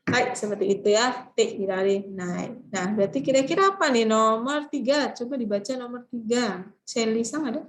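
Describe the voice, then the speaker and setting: Woman teacher, higher voice, patient explanations, online class. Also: lively intonation, normal speed, rough recording. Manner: explains patiently, mixes in Japanese examples, asks students to read. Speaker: Japanese language teacher.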